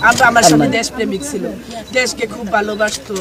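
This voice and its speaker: A grieving widow crying out in anguish, pleading repeatedly to reporters. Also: female voice, medium pitch, quick pace. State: crying out, wailing in grief. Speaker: grieving widow of a slain officer. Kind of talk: emotional plea to reporters. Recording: crowd clamour, outdoor street news footage.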